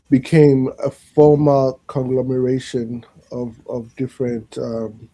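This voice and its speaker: A man from Ghana, a professor answering interview questions in a measured way with many pauses and ums. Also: mid-range voice, mellow, slightly rough, poor audio. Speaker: guest professor.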